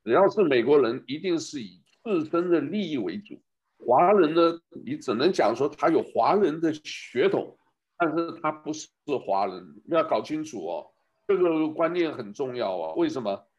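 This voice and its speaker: A man's voice: on the high side, expressive, normal speed, husky, highs cut off. A man giving a rambling casual commentary, speaking to his listeners and asking them one rhetorical question after another.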